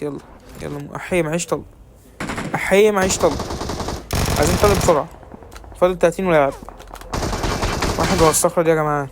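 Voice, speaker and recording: A young Egyptian male gaming creator with a high-sitting voice and an Egyptian Arabic accent provides live commentary, trading quick, joking banter with enemies and teammates. Loud game gunfire and clicks fill the noisy background.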